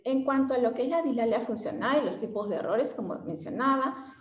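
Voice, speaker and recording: Speaking fairly quickly in a slightly high voice, a Mexican woman explains a lesson as a special education teacher, peppering it with fillers and tag questions. The room echoes and the sound is dull and lo-fi.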